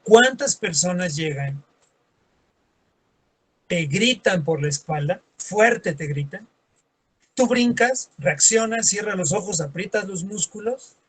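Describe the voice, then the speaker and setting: A man's voice: high-pitched, a bit bright, husky. A man teaching a lesson, acting out everyday scenes in quoted voices and adding sarcastic asides. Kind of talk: classroom lecture.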